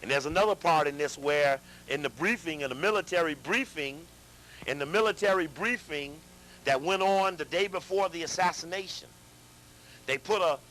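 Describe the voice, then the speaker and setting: A man lecturing a live audience, animated, asking them questions and repeating himself as he talks. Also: fairly high pitch, normal speed, a little hiss or hum, poor audio. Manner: animated, addresses audience directly, repeats and restarts.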